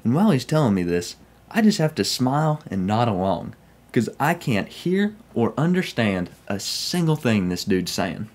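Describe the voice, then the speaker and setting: This railfan vlogger from Oklahoma, United States, uses a mid-range, darkish voice with a sing-song lilt at normal speed. The young man's Southern US accent colors his casual, folksy stories about his own train adventures, recorded in a small room at home.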